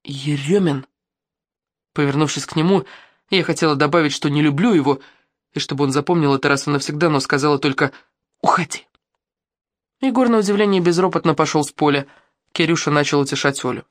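A woman reading a first-person youth novel aloud as an audiobook, in a lively, expressive way. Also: low-pitched, quick pace, no echo, clean studio sound. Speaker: audiobook narrator.

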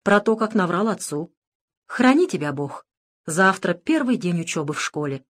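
Woman voicing a gentle old village priest. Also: lowish voice, expressive, normal speed. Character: kindly elderly male village priest.

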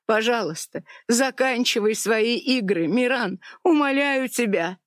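A narrator voicing a tearful young wife who pleads with her husband in a high, trembling voice. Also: moderate pace, creaky, a little mellow, no room sound, studio quality. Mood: tearful pleading. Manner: high, trembling, sobbing pleas. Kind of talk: audiobook character voice.

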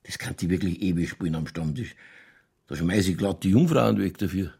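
This older Bavarian police chief in a radio crime play is voiced by a man whose gravelly, darkish voice sits low and moves a little fast. Sly and skeptical, he's colloquial, dry and placating, with an exaggerated delivery and a musing, doubtful mood.

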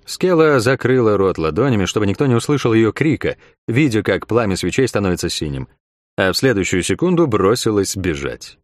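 A man narrating a fantasy audiobook in an expressive storytelling manner. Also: lowish voice, a little fast, dry recording.

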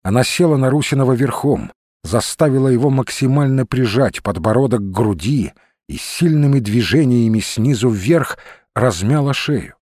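A man reading a novel aloud in measured audiobook narration. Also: medium pitch, expressive, darkish tone, no echo, studio quality. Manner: measured storytelling. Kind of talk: scripted narration.

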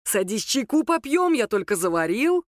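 A woman's voice: fairly high pitch, very animated, normal speed, no echo, clean studio sound. A woman reading a story aloud and voicing a crude, brash young husband who is an impostor. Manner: brash and boorish.

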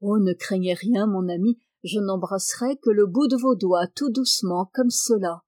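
A woman's voice: mid-range voice, moderate pace, darkish tone, dry recording, clean studio sound, close to an everyday voice. A woman reading the lines of a tender, coaxing young husband, an army captain, in an audiobook. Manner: coaxing and affectionate.

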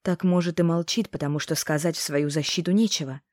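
A cold, mocking male inquisitor, put on by a woman reading an audiobook, who drags out his threats slowly and deliberately. The voice sits a little low, and the recording is close and dry. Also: fairly even intonation, darkish tone, no echo, lightly acted. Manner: slow, measured, threatening. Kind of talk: audiobook character voice.

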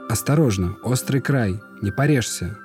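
A man reading a fairy tale aloud, voicing a brave young man who speaks gently and firmly to reassure. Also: mid-range voice, animated, normal speed, over music, voice pushed up, natural voice. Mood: gentle.

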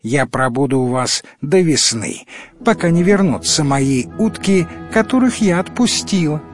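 A man voicing a vain, boastful female frog in a storybook reading, shrill and excited. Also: unhurried, faint music behind. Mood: bragging.

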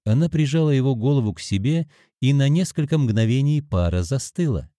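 A man narrating an audiobook in an expressive storytelling manner. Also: on the low side, dry recording, clean studio sound.

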